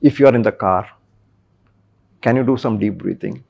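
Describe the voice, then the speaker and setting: Male panellist, Indian Bangalore accent, soft dark tone, lowish pitch, discussion style. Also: moderate pace, vocal fry.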